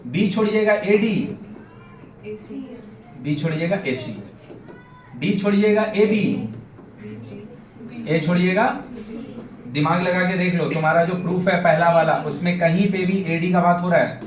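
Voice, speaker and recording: A man's voice: sits high, slow pace, long pauses. A man teaching a math class, quizzing his students constantly and asking for yes or no answers. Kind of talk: classroom lesson. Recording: echoey classroom taken from far off. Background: students in the room.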